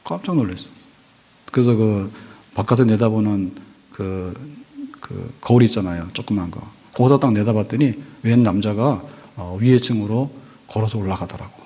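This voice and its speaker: A man's voice: fairly low pitch, normal speed, warm tone, breathy edge. A man preaching a sermon as a pastor, speaking in a conversational way, with everyday anecdotes and rhetorical questions. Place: church sanctuary. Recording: church hall reverb.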